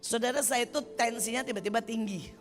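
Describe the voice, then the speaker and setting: A woman's voice: on the high side, quick pace, in a large hall, soft background music. An older woman preaching a sermon as pastor, blunt and emphatic, acting out the people she quotes.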